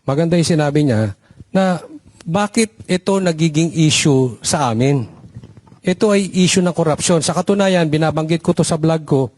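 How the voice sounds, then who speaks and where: A male co-host with a somewhat high voice. He speaks briskly and puts hard questions to the guests in a direct, challenging way. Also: darkish tone. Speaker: co-host and vlogger.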